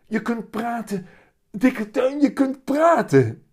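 A man doing a high, excited little boy. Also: unhurried. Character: young boy, shy and eager. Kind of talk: reading a children's book aloud.

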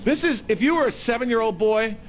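A man with a high voice reports live outdoors on a handheld mic, cracking jokes with an upbeat manner. The broadcast audio is a little dull, with a faint hiss of background noise. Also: fast talker. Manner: jokey, upbeat. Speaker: field reporter. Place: outdoor farm.

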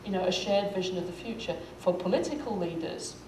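A woman's voice: mid-range voice, animated, a little fast, warm tone. A middle-aged woman on a conference panel speaks reflectively, gesturing as she talks and restarting phrases. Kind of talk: panel discussion remarks. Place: conference stage, indoors. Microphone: lapel mic. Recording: echoey hall, distant mic, noise.

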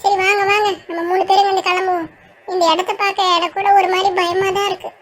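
A storyteller voicing cartoon village friends in a very high sped-up voice, trading lively banter. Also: quick pace.

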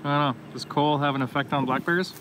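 A man's voice: on the high side, steady tone, quick pace. A man casually chatting on camera outdoors at a shipyard, easygoing and talkative. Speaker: vlog host. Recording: noisy outdoor camera audio.

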